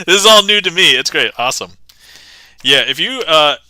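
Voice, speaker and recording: A man's voice: on the high side, animated, unhurried, sharp tone, no echo, rough recording. A man doing casual magic patter on a livestream, chatty and laughing often as he talks through his card moves.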